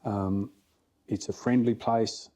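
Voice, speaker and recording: Low, mellow Australian man, plain-spoken and blokey. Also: steady tone, takes it slowly. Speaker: fly fishing guide, interview guest. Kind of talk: casual podcast storytelling.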